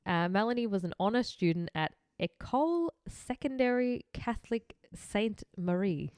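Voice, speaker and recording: A woman's voice: medium pitch, lively intonation, normal speed, darkish tone, clean tone, no room sound, studio quality. A young Australian woman co-hosting a casual true-crime podcast, rambling through her notes with frequent giggles. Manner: giggly, rambling, reads case notes aloud. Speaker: podcast co-host.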